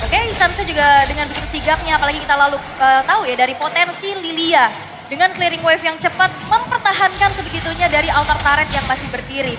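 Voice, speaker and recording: A woman's voice: high-pitched, fast talker, background noise. A woman with an Indonesian accent giving hyped esports commentary with emphatic announcer calls. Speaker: esports caster.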